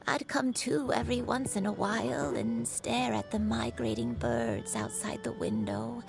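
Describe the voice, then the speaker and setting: A woman voicing a frail, forgetful old grandmother, reading game dialogue in a slow, sorrowful way. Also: mid-range voice, sing-song, music in the background. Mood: wistful. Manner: slow, sorrowful, gravelly storytelling.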